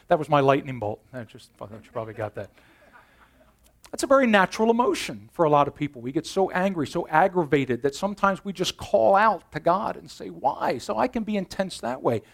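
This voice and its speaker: A man in his fifties preaching a sermon in a conversational way, moving between loud emphasis and quiet intensity. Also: fairly high pitch, lively intonation, brisk, creaky. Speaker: pastor.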